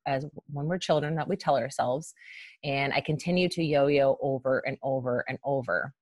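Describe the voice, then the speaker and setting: A woman's voice: low-pitched, no room sound. A woman, a life coach and podcast guest, telling her personal story in a frank, informal, conversational way.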